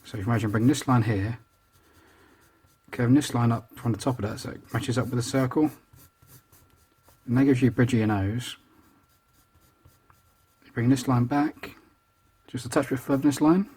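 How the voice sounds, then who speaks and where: Over footage of a drawing, an unseen man talks through every step of his casual live tutorial, chatting and poking fun at himself. His mid-range voice has a darkish tone and a breathy edge, moving at a normal pace with long pauses.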